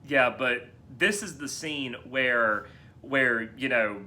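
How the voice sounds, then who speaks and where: A man co-hosting a casual podcast about a film, talking in long, animated runs full of restarts. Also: mid-range voice, slow pace. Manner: animated, rambling with many restarts. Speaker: podcast co-host. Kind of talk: casual film discussion chat.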